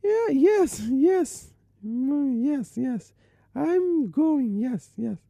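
Brief: a vain, know-it-all middle-aged uncle, put on by a man, high and indignant, dark gravelly tone. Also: animated, extremely slow, no room sound, clean studio sound, heavily acted. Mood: blustering. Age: 40s. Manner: squeaky, indignant bragging.

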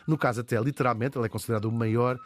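Man, European Portuguese accent, very quick talker, animated and colloquial history storyteller. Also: medium pitch. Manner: animated, colloquial, repeats words for emphasis. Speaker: storytelling host. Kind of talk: casual historical storytelling in conversation.

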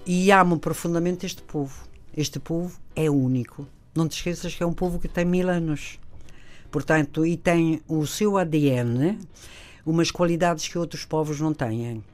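A woman's voice: low voice, normal speed, a little mellow. Older Italian-accented woman, radio guest, expansive storyteller. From Italy. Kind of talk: radio interview.

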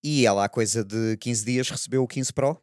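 A man's voice: mid-range voice, brisk, darkish tone, no echo, clean studio sound. A man with a European Portuguese accent talking casually on a podcast, in a hesitant, meandering way with frequent check-in questions. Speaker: podcast panelist. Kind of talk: casual chat.

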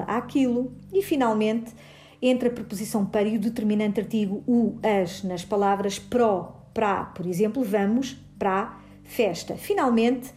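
A woman linguist with a European Portuguese accent explains a grammar point in a scripted radio segment. She speaks in a measured, clear way and lists examples one word at a time. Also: mid-range voice, darkish tone, slight background noise. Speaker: linguist answering a language question.

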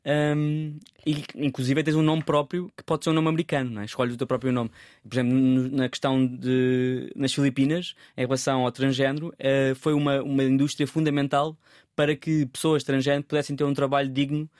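A man's voice: medium pitch, flat delivery, a little fast, a little mellow, no echo, clean studio sound. A man, a photographer talking about his work in a casual interview, thoughtful and often restarting his words. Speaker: photographer guest.

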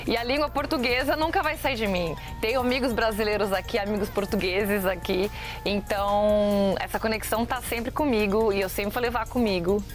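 A woman's voice: mid-range voice, steady tone, normal speed, faint music behind. A woman rock musician in an interview, speaking in a heartfelt way.

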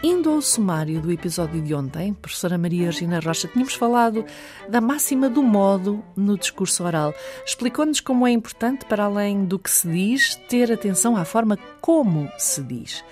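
A woman's voice: mid-range voice, expressive, brisk, darkish tone, soft background music. Portuguese woman host reading a recap. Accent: European Portuguese. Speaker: radio host. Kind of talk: scripted recap.

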